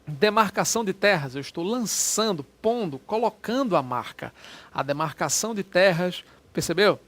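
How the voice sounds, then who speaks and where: Brazilian guy teaching exam prep, high voice, keeps asking "get it?". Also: expressive, a bit bright. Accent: Brazilian Portuguese. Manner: chatty, prods the listener with quick check-ins. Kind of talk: lecture explaining exam questions.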